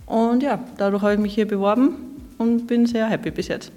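A young woman from Austria, an intern guest on a podcast, answering in a relaxed, chatty way. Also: on the high side, brisk, a little hiss or hum. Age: young adult. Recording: roomy recording.

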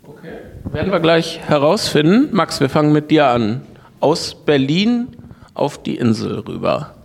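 A man hosting a podcast who leads the talk in an upbeat way, asking his guests questions. His voice sits fairly high, swings lively in pitch and has a gravelly edge. He sounds like he is in a roomy space with faint background hiss. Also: unhurried. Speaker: podcast host. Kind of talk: casual interview chat. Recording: roomy recording with faint noise.

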